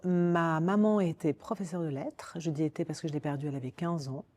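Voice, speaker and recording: This Parisian woman in her forties has a low, dark voice with fairly even intonation and a fairly quick pace. As a communications director appearing on a podcast, she tells the story of her career in a relaxed, conversational interview. She speaks with a Parisian French accent, frequently rewording her points as she goes.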